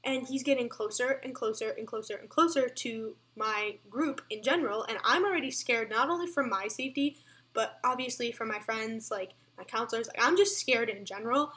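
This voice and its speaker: A woman's voice: fairly high pitch, brisk, pushed and bright. A young woman telling a storytime vlog, chatty and breathless, full of fillers. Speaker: vlogger.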